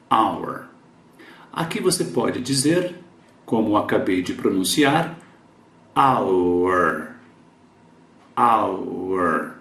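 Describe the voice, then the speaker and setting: A man teaching English in Portuguese, slowly repeating English words and sentences for pronunciation. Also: medium pitch, roomy sound. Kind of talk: English lesson in Portuguese, reading and explaining sentences.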